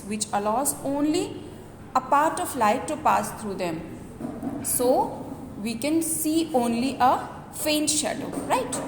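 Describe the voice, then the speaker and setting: A woman giving an earnest school lecture, explaining step by step and checking in with students through questioning tags. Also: high-pitched. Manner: earnest, explanatory, often ending phrases with a questioning "right?". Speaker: school teacher. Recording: echoey reverberant room with background noise.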